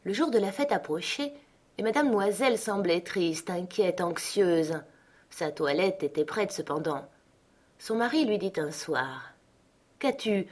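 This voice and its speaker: A woman narrating a classic short story aloud in a measured, expressive way. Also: on the low side.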